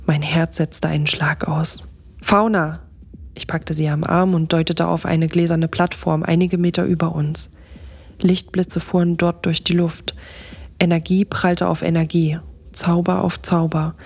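A woman narrating a fantasy story in the first person, steady and expressive, as a podcast narrator. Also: lowish voice, measured pace, creaky, slightly rough.

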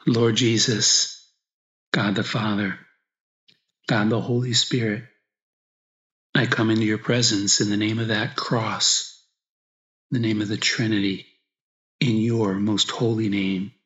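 This priest's voice sits on the low side, a bit bright, with fairly even intonation. Guiding a meditation that includes spoken prayer and a gospel reading, he moves slowly and reflectively, leaving pauses between brief phrases. The recording carries the echo of a reflective room and sounds slightly dull.

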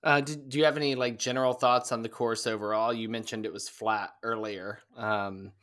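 A man from Ohio hosting a running podcast, asking questions in a casual, halting way. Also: mid-range voice, fairly even intonation, fairly bright tone. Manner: conversational, halting restarts. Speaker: podcast host. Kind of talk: casual interview.

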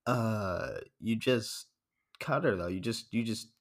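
A man co-hosting a podcast in casual chat, reviewing a movie with mocking energy and acting out scenes with sudden loud screams. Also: on the low side, slow pace.

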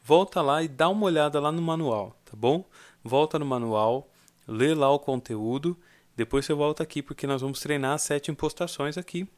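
A man's voice: a little high, moderate pace. A young Brazilian man giving a casual singing lesson, explaining and singing short demo phrases. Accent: Brazilian Portuguese. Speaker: singing teacher.

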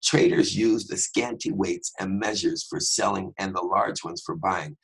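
A man giving a fast, conversational Bible teaching on a podcast, with joking asides. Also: sits low, fairly even intonation, creaky, husky, poor audio.

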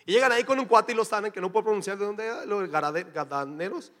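A man's voice: sits high, quick pace, a bit bright. A man with a Mexican Spanish accent preaching a sermon as pastor, in a casual, joking, slangy way. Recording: long hall reverb.

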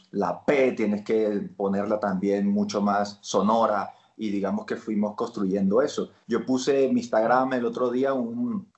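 Colombian man, lively storyteller, echoey room. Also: fairly low pitch, dull audio. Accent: Colombian Caribbean. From Colombia, Barranquilla. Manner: animated storyteller, laughs while acting out lines. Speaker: actor guest. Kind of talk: casual interview chat.

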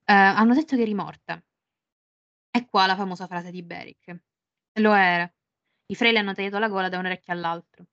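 A woman's voice: on the low side, steady tone, quick pace, fairly bright tone, no echo, dull audio. A woman co-hosting a casual book podcast. She reads passages aloud with drama and jokes and swears freely between them. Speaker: podcast co-host.

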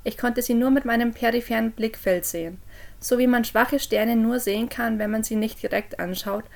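Higher-voiced woman reading a horror story. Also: gravelly. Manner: drops low and quiet on eerie lines, raises voice for called-out quotes. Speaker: podcast narrator. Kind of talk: scripted horror story narration.

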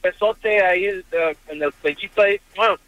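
A man's voice: high voice, moderate pace. A man calling in to a radio show, chatty and flirtatious. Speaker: caller. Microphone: phone. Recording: dry muffled phone line.

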